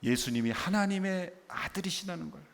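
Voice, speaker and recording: A man from South Korea preaching a sermon in a somewhat high voice. He keeps putting rhetorical questions to the congregation and swings between loud emphasis and a hushed near-whisper. His voice rings with long reverb through the sanctuary. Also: lively intonation, brisk, vocal fry. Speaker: pastor.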